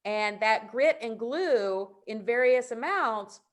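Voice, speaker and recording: A middle-aged woman printmaker giving a virtual presentation over a video call, explaining prints with warm enthusiasm and casual asides. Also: on the high side, lively intonation, takes it slowly. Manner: informal asides and self-corrections. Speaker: printmaker presenting artists' work.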